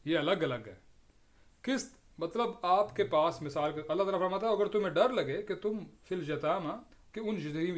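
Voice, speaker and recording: A man with a fairly high voice teaching an online class on scripture. His delivery is explanatory and patient: he repeats phrases, mixes in English words and keeps asking "okay?". He is heard through a video-call microphone. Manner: explanatory, often checks in with "okay?". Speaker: Quran teacher.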